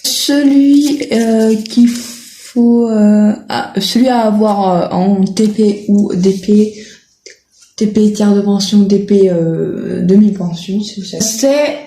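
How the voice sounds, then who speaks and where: Hesitant woman, slow and mellow, in a roomy echo. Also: medium pitch. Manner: hesitant, full of filler sounds and self-corrections. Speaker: video creator. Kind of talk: casual chat presenting riding-school horses.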